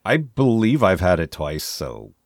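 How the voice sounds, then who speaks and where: A man's voice: low voice, sing-song, unhurried, no echo, studio quality. A man co-hosting a podcast, rambling and hesitant in casual chat. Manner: rambling, hesitant, many fillers. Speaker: podcast co-host.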